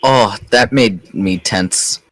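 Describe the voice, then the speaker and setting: A man's voice: fairly low pitch, slow, a bit bright, no echo. A man in a casual chat with friends who rambles and drifts off topic.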